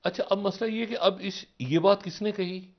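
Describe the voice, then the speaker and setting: A man giving political analysis on a live TV talk show. He rambles, poses rhetorical questions, and swings from low murmurs up to raised, emphatic peaks. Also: normal speed, lo-fi sound. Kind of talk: live TV current-affairs commentary.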